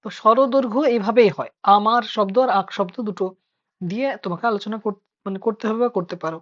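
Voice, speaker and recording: A woman teacher leads an online class, patiently working through each point and putting questions to her students. Her voice sits at a middling pitch. The audio is dull and lo-fi, as on a video call. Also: quick pace. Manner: patient, explains step by step, asks students questions. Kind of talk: online Bengali grammar class.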